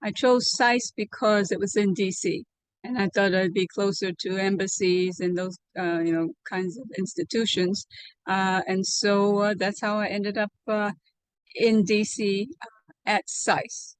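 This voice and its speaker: A woman's voice: medium pitch, steady tone, smooth, no room sound. Older woman from Liberia, dry sound. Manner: measured, pausing with many fillers. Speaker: interviewee, alumna. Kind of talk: oral history interview. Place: home room, indoors. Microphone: video call webcam.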